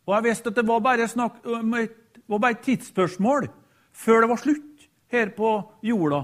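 A man preaching a sermon, retelling a story in a halting way with frequent hesitations and repeated quote tags. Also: very high-pitched, fairly bright tone. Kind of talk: sermon with a retold deathbed story.

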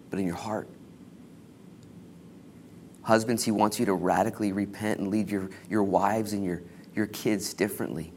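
American male preacher, casual and exhorting, noisy room. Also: lowish voice. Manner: casual, colloquial, exhorting, with slangy asides and acted-out quotes. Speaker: pastor preaching. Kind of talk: informal evangelical sermon.

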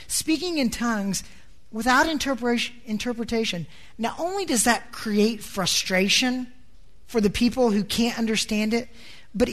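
A woman preacher with a fairly high voice delivers a sermon. She talks emphatically, often doubling words as she builds toward a point. She keeps turning to her listeners with rhetorical questions. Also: fairly bright tone.

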